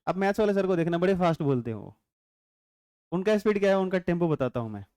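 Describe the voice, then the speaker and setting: A man teaching a physics class with a high, clean, ringing voice. He explains unhurriedly and chats with his students, dropping joking asides and constantly asking if they follow. The sound is close and dry, with no room around it. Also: sing-song, quick pace, darkish tone, clean tone, no room sound. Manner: chatty, joking asides, constant rhetorical check-ins. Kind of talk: classroom lecture.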